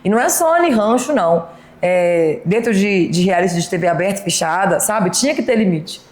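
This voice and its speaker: A woman's voice: mid-range voice, animated, moderate pace, darkish tone, roomy sound. A woman from Belo Horizonte, a podcast guest giving blunt opinions in casual chat. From Belo Horizonte, Brazil. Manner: outspoken, emphatic, keeps asking 'entendeu?'.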